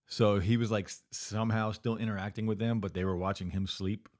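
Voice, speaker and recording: A man's voice: on the low side, fairly even intonation, a little fast, a little mellow. A man co-hosting a casual podcast, laid-back and cursing casually. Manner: laid-back, swears casually, calls people dude. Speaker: podcast co-host. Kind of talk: casual chat.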